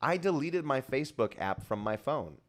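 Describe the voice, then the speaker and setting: A young man co-hosting a casual talk stream, rambling and animated with lots of restarts. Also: medium pitch, normal speed. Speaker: podcast co-host. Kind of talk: casual chat.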